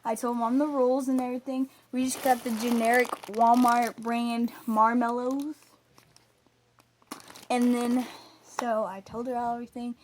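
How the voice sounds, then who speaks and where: Young female vlog host, high-pitched, casual chat, faintly noisy home video. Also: level tone, unhurried, a little mellow.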